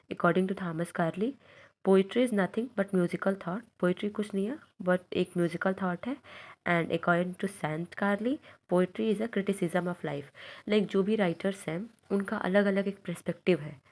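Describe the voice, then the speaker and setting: A woman teaching a lesson on poetry, reading English definitions slowly and then explaining them at length in Hindi, often checking in with "theek hai". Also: lowish voice, mellow.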